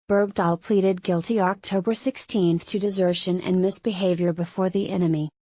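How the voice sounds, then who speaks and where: A woman's voice: mid-range voice, darkish tone, no room sound. Woman reading news, close dry sound. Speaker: news narrator. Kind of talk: scripted news article narration.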